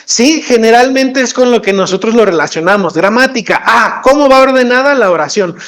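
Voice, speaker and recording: A man's voice: very high voice, lively intonation, fairly quick, a bit bright. A man, an interpreter teaching a live training session, explaining patiently and often putting questions to his listeners. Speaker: sign language interpreter and instructor.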